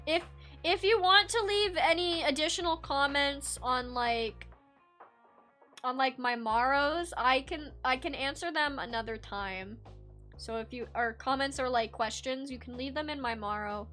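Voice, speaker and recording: A young woman streaming, chatting casually with viewers in a sleepy, rambling way with many restarts. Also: sits high. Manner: laid-back, rambling with many restarts and soft laughs. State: sleepy, yawning. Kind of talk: casual live-stream chat reading viewer comments.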